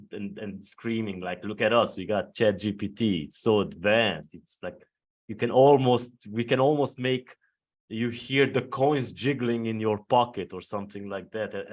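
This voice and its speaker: A man moderating a virtual panel discussion, chatty and full of fillers. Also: on the low side.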